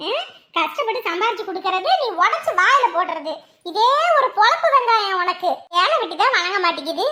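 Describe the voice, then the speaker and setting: An actress playing a sharp-tongued older mother-in-law in a TV serial, nagging and mocking. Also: extremely high pitch, expressive, brisk, full character voice. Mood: scolding. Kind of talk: TV serial acting.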